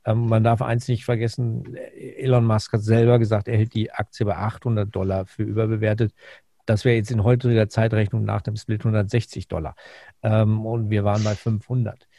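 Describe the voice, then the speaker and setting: A man co-hosting a podcast, giving conversational market commentary haltingly and repeating words as he thinks. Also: fairly low pitch, flat delivery, creaky, mellow, no echo, studio quality. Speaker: finance podcast co-host.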